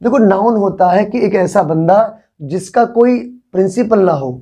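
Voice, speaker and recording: Mellow-voiced male vocabulary teacher. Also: high voice, lively intonation, unhurried. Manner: explains patiently, repeats words, often asks the class if they follow. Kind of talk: classroom vocabulary lesson.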